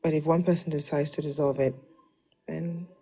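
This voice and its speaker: An actress playing a gentle, lovelorn young wife, earnest and subdued, in a naturalistic screen drama. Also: female voice, deep voice, steady tone, moderate pace, husky. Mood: resigned, troubled.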